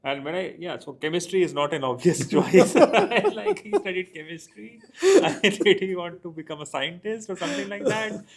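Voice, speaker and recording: A man's voice: sits high, animated, moderate pace, few pauses. A man hosting an interview in an informal, conversational way. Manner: informal, frequent short acknowledgements. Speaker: podcast interviewer.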